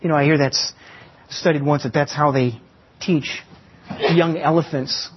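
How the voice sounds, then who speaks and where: A man preaching a sermon, teaching with stories and slowing down for emphasis. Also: on the high side, fairly even intonation, noisy background. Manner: teaching with illustrations and slow emphatic pauses. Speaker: pastor. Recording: dull lo-fi sermon recording.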